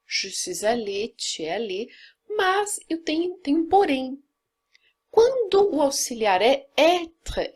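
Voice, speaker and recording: A Brazilian woman with a high, slightly husky voice teaches a grammar lesson. She explains patiently and step by step, often checking in with a quick tag question. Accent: Brazilian Portuguese. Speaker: French teacher.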